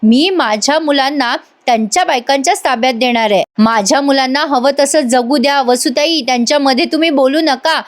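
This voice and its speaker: A woman reading out the lines of a calm mother who soothes the family but stays gently firm. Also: high voice, brisk, few pauses, close to an everyday voice. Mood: soothing.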